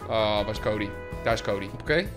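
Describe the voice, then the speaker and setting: A young man commentating his own football video game as he plays, excitable, swearing constantly and shouting when goals fall. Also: lowish voice, fast, soft background music. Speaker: gaming YouTuber. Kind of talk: live FIFA gameplay commentary.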